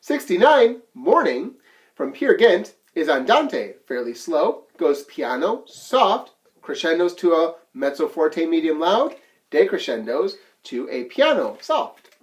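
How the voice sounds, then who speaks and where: A man's voice: fairly high pitch, very animated, measured pace. A man teaching a flute lesson, counting beats aloud and explaining each musical term plainly. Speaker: band teacher.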